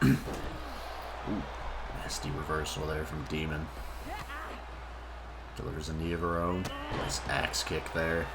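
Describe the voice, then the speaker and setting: A man's voice: extremely low pitch, completely flat delivery, unhurried, long pauses. A man working as a wrestling commentator, calling the moves play by play in short, clipped phrases. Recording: very noisy recording.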